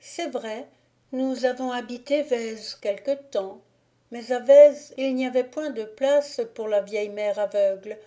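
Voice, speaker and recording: A woman voicing a gentle, innocent young peasant woman who speaks softly, in an audiobook. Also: on the high side, unhurried, voice pushed up, natural voice. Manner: soft and gentle. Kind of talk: audiobook character reading.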